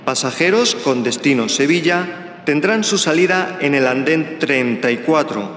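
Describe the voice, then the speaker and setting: A man playing a station announcer, giving a formal, measured public announcement like those in an airport. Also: a little high, expressive, fairly bright tone. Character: male station announcer calling train platforms. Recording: echoey reverberant hall, faint noise.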